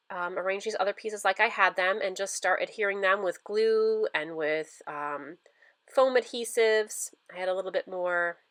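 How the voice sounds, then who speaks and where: Stuffy-nosed chatty woman, bright voice. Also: medium pitch, no echo. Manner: chatty, rambling, lots of fillers. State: stuffy nose from a cold. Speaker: scrapbooking vlogger. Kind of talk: casual voice-over narration of a craft process.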